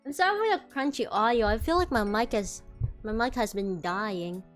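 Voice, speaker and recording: A woman's voice: fairly high pitch, expressive, normal speed, faint music behind. Woman on a crunchy, distorted mic. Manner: chatty, hums "mm-mm-mm" while reading chat. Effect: crunchy, distorted mic audio. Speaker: VTuber streamer. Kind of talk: casual livestream chat, answering chat.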